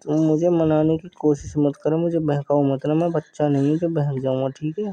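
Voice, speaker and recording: A man's voice: fairly high pitch, flat delivery, fairly quick, dark tone. A young man on a staged romantic phone call, sulking and insisting he is fine. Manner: sulky, hurt, keeps insisting he is fine.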